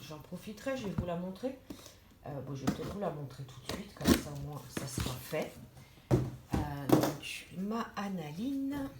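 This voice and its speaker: A woman vlogger chatting casually to camera as she unboxes a diamond painting kit, with many fillers and restarts. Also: lowish voice. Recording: echoey room, clear background noise.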